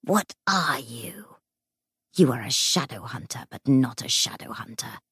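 A woman voicing the murdered ghost of a bitter male warlock, with a hollow, hissing voice and a slow, brooding delivery. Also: very deep voice, lively intonation, fairly bright tone, husky, no echo, studio quality, voice pushed down, full character voice. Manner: slow, brooding, sinking to a whisper.

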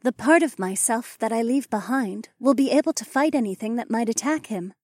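A man's voice: extremely high pitch, a little fast, a little mellow, no room sound, studio quality, voice pushed up. A man voicing a firm, protective female warrior who speaks with resolve. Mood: determined.

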